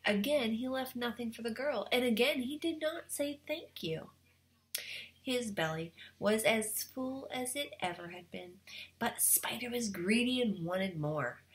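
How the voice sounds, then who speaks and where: A woman's voice: fairly high pitch, unhurried, low-quality recording. A woman teacher reading a storybook aloud to students and explaining the lesson. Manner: expressive, explaining.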